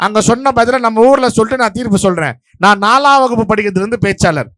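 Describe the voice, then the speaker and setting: A man from Vellore district in Tamil Nadu, judging a stage debate and giving his verdict in a rapid, playful, story-driven speech to a live audience. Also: high-pitched, expressive, a bit bright, no room sound, studio quality. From Vellore district, Tamil Nadu, India.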